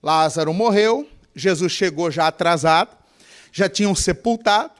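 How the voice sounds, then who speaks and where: A male pastor with a Mato Grosso Brazilian Portuguese accent preaches a sermon at normal speed, questioning the congregation and acting out people's voices in tearful, high tones.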